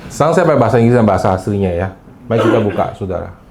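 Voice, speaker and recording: A man's voice: lowish voice, animated, rapid-fire, crowd noise. A male pastor giving a casual, conversational sermon in a church hall, chatty and teasing, often turning to the congregation and mixing in English phrases.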